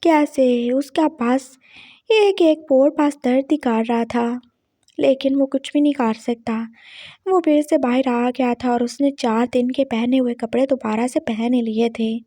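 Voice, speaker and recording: A woman narrates a serialized story and speaks the characters' dialogue herself. Her voice is high and mellow. The recording is dry and close. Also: measured pace, dry recording.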